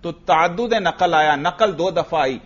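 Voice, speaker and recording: Explaining Arabic grammar one step at a time, this Urdu-accented lecturer asks himself questions and then answers them for the class. He has a fairly high pitch and a fairly bright tone, heard through a muffled recording.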